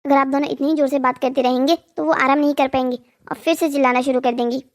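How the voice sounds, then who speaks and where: A woman's voice: high-pitched, fairly even intonation, quick pace, close to an everyday voice. A voice actor playing a polite, nervous young bride in a cartoon story, eager to appease her mother-in-law. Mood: anxious. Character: timid dutiful young bride.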